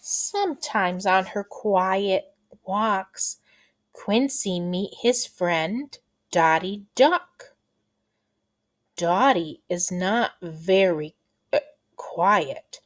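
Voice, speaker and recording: A woman teacher reading a picture book aloud to children, slow and expressive, drawing out her words. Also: mid-range voice.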